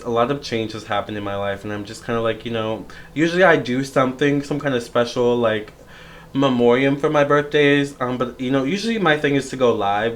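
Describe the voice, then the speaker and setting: A thirty-year-old man sits and talks to his audience in a casual vlog, rambling and circling back with fillers and restarts. His voice sits at an ordinary middle pitch for a man. His tone is easygoing and reflective. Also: fairly bright tone. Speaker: tarot reader and astrologer.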